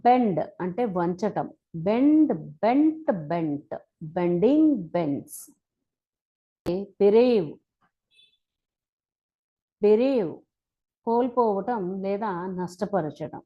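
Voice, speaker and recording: A woman with a Telugu accent teaching English verb forms, reciting each form one by one slowly and deliberately. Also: medium pitch, animated, lo-fi sound. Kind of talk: slow spoken-English lesson.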